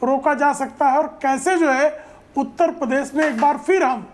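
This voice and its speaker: A woman arguing as a party spokesperson on a debate panel. Her voice sits a little high, and she speaks formally, stacking points in repeated phrases. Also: fairly even intonation, normal speed. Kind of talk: political debate argument.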